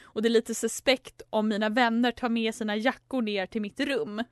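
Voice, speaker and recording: A woman's voice: a little high, clean tone, no echo, studio quality. Young Swedish-speaking woman telling a story. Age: young adult. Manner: lively, laughs often while telling a story. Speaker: co-host of a student radio show. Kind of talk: casual radio chat, storytelling. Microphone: studio microphone.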